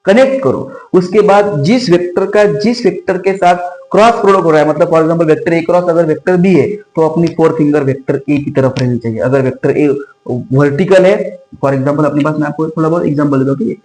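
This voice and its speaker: Teacher with a raised voice, echoey room. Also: male voice, a little high, fairly quick, a little mellow, faint music behind. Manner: asks questions and answers them himself; addresses students fondly as kids. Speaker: physics teacher. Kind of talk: classroom whiteboard lecture. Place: classroom with a whiteboard.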